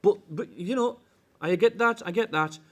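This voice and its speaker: A man's voice: high-pitched, moderate pace, natural voice. An actor playing a boss trying to bribe his team back into trusting him. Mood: wheedling. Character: blustering male boss bribing his team. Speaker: team manager.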